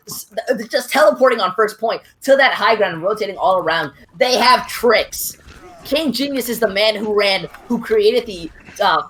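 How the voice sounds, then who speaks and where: A woman's voice: mid-range voice, a bit bright, slight background noise. Woman calling an esports match live. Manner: brisk, running call of the action. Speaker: esports play-by-play caster. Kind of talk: live play-by-play commentary.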